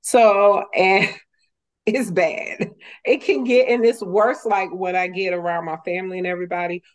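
A woman with a Deep South Geechee accent, explaining things in a measured way in a casual panel talk. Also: steady tone. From US Deep South, born up north.

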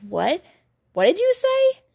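A woman voicing a young man in a short story, asking sharp, demanding questions that grow panicked. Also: a little high, wildly swooping pitch, measured pace, slightly rough, heavily acted. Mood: angry.

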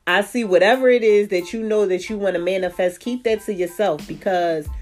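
A woman's voice: medium pitch, a little fast, a little mellow, faint music behind. A woman with a congested, stuffy voice, giving frank casual advice in a chatty way full of "you know.". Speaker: vlogger. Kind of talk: casual advice talk to camera.

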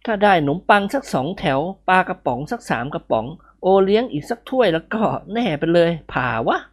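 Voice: mid-range voice, very animated, brisk, voice pushed up, lightly acted. A reader voicing a hungry young male prankster who talks in a whiny, complaining way in an audiobook.

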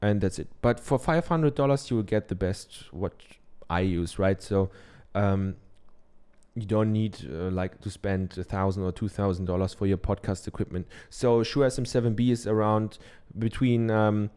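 With a lowish, mellow, smooth voice at normal speed, a German-accented podcaster from Germany chats through a casual how-to in his treated home office. He speaks into a dynamic studio mic, loose and talkative, with many ums and tag questions.

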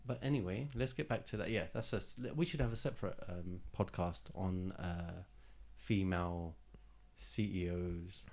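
A man's voice: sits low, moderate pace, gravelly, darkish tone. A man co-hosting a podcast, joking and laughing often in casual chat. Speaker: podcast co-host.

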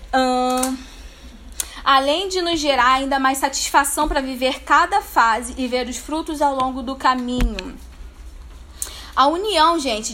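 A woman pastor preaches to a live audience at a church leadership meeting. She is lively and playful and speaks straight to her listeners. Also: high-pitched, a little hiss or hum.

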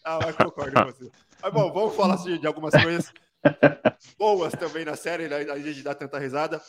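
A man's voice: on the high side, fairly quick, a crowd in the background. A Brazilian man chatting casually and jokingly about a TV series, full of slang. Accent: Brazilian Portuguese. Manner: jokey, laughs while talking, slangy.

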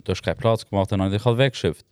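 A young Swiss German man, a podcast co-host, telling a lively story in casual chat and laughing often. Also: fairly low pitch, racing, a little hiss or hum.

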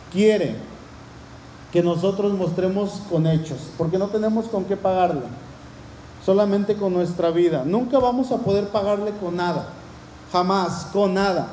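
A man's voice: high voice, mellow, slight background noise. A man preaching a sermon in earnest, often asking the congregation questions. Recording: echoey room.

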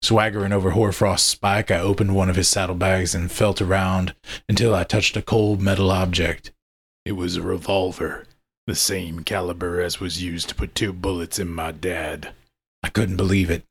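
Give me a man with a low, raspy voice narrating a story steadily. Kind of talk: first-person audiobook narration.

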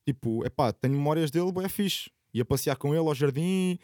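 A young man chats, with a slightly high voice. His talk is casual and rambling, full of slang and swearing. The sound is very dry, with no room around it. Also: lively intonation, fairly quick, warm tone, dry recording. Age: young adult. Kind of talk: casual chat.

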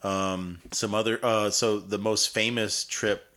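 Bright-voiced man in lively chat. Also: on the low side, unhurried. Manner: chatty, jumps in, loud shouted impressions of a crowd. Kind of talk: casual chat.

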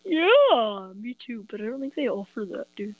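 A young girl with a high voice hosts and acts in her own podcast drama, chatty and rambling. The recording is dull and muffled, with no room sound. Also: sing-song, normal speed, dry recording. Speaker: podcast host and drama player. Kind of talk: homemade audio drama.

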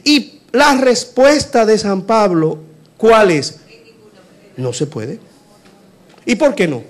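A man preaching a sermon, asking rhetorical questions and swinging between loud emphasis and hushed lines. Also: high-pitched, lively intonation, slow.

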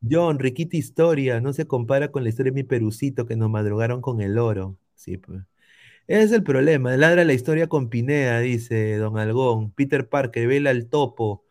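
A man's voice: mid-range voice, moderate pace, a little mellow. A man with a Peruvian Spanish accent, co-hosting a casual stream, reading chat and rambling with many restarts.

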